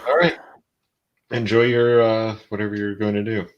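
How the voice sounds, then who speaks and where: A man's voice: on the low side, little pitch movement, moderate pace, smooth, dull audio. A man co-hosting a livestream in casual chat, talking in a blunt, offhand way. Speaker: livestream co-host.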